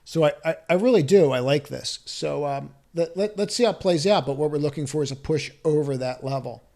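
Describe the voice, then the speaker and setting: With a somewhat high, gravelly yet mellow voice and a slightly quick delivery, a stock market analyst talks through charts on a shared screen. His thinking-aloud style includes restarts, rhetorical questions and careful advice.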